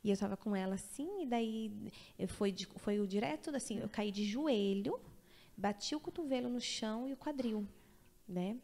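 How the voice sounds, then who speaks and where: A woman in her thirties with a gravelly, mellow voice tells a personal story in a casual, lively way. She often acts out what other people said, switching into their voices as she goes. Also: fairly high pitch, moderate pace. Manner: animated storyteller, acting out quoted voices. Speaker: guest.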